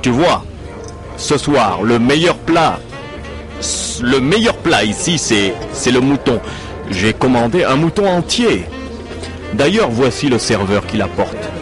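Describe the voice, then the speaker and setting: A man voicing a self-assured male governor who talks in a smooth, condescending way, over music. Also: medium pitch, very animated, slow pace.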